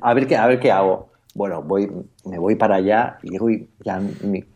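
Low-voiced Spaniard telling a rambling story. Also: male voice, moderate pace, lo-fi sound, background noise. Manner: rambling, self-mocking, laughs often and restarts a lot. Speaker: podcast host. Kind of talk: casual storytelling chat.

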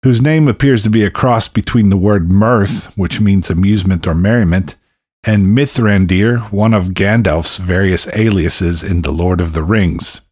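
A man's voice: deep voice, moderate pace, a little mellow, husky. A man hosting a music show, introducing tracks in a scripted radio presenting style.

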